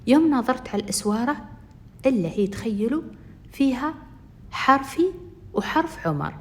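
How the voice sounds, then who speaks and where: A woman's voice: a little high, big pitch swings, fairly quick, a little mellow. A young woman telling a first-person story, chatting directly to her listeners.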